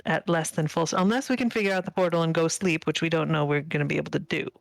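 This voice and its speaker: Halting player thinking aloud. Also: medium pitch, fairly even intonation, vocal fry, dry recording. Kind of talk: casual game table chat.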